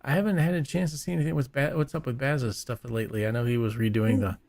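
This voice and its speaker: A man's voice: mid-range voice, steady tone, fast talker, vocal fry, darkish tone. A man talking as a panelist in a casual fan chat, rambling, restarting sentences, and joking as he goes.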